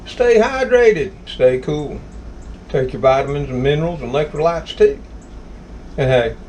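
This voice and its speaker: Folksy Southern man, lively swooping voice. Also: medium pitch, a little hiss or hum, low-quality recording. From Southern United States. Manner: folksy, exclamatory, savoring food aloud. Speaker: cooking vlog host. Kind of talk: casual cooking vlog. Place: home kitchen.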